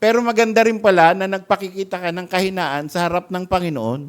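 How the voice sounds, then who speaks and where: A man from the Philippines, preaching a church sermon with emphatic swings in loudness. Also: high-pitched, steady tone, quick pace, clear, resonant tone. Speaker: pastor. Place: church sanctuary.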